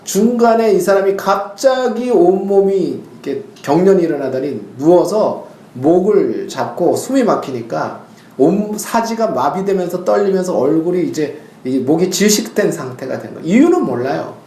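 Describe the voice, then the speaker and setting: A male pastor preaching a sermon, telling stories in an animated way and now and then crying out loud. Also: high-pitched, moderate pace, echoey room. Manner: animated storytelling, bursts into loud acted cries.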